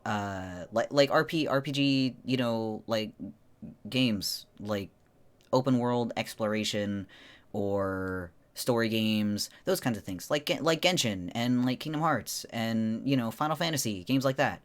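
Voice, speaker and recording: A man's voice: medium pitch, unhurried. A man streamer talking casually and informally to viewers on a solo livestream, in a rambling way.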